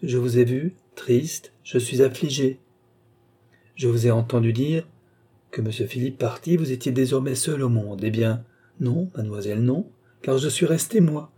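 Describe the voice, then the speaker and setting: A man's voice: medium pitch, moderate pace, dark tone, slightly rough, natural voice. A man voicing an earnest, devoted young man of humble birth who pleads humbly.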